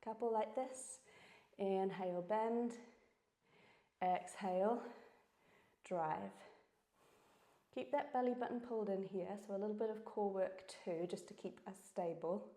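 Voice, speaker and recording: A woman with a New Zealand accent cues exercises in a mellow, dark voice while working out herself. She is out of breath and keeps up steady encouragement. The sound carries the echo of a studio room. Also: mid-range voice, a little slow, long pauses. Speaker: fitness instructor. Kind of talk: workout class instruction. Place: indoor reformer studio.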